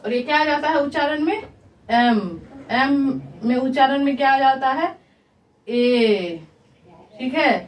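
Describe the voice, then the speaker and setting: A woman English teacher giving a grammar lesson, asking her students questions and answering them herself. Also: high voice. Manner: slow, repeats questions to the class and answers them. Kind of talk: grammar lesson explained in Hindi. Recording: echoey room, voice from far.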